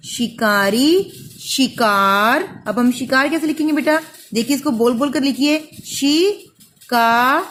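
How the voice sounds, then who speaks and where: A woman's voice: sits high, fast talker, few pauses. A woman teaching young children, patiently stretching words out sound by sound as she spells them. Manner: patient, stretches out sounds syllable by syllable, calls listener "beta". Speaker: primary school teacher.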